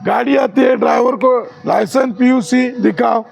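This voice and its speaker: A man's voice: very high voice, normal speed, gravelly, soft background music. A man training security guards in class, quizzing the trainees with questions and showing rude and polite ways to talk.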